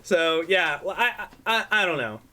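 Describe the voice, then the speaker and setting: A man's voice: high voice, animated, a little slow, sharp tone. A man co-hosting a casual podcast, ranting with lots of swearing and demonstrating what he means as he talks. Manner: profane, rambling, demonstrative. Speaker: podcast co-host. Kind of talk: casual chat. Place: room at home. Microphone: desk microphone.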